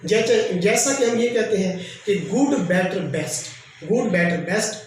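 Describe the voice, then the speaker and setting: A man teaching a grammar lesson, explaining slowly and repeating each example. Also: high voice. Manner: slow, repetitive explaining. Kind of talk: classroom lecture. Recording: very echoey room, faint noise.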